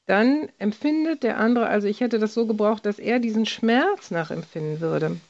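A woman's voice: mid-range voice, expressive, normal speed, darkish tone, lo-fi sound. A middle-aged woman speaking as a guest on a broadcast, earnestly explaining and appealing directly to listeners.

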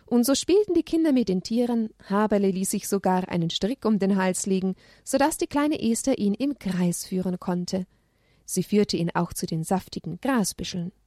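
A woman's voice: medium pitch, moderate pace, no echo, clean studio sound. Woman narrating a children's story. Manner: even, storytelling delivery.

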